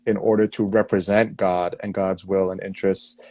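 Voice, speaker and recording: Earnest low-voiced man from Singapore. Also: flat delivery, moderate pace. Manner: thoughtful, earnest, self-deprecating. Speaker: interview guest. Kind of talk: casual interview conversation.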